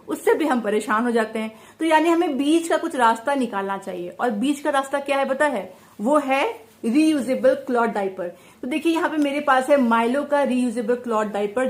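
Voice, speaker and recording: A young woman chatting casually in a home vlog, talking quickly and fluently. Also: high voice. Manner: chatty and quick, mimics others' speech. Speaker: vlogger. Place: indoor home. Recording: echoey room, faint background noise.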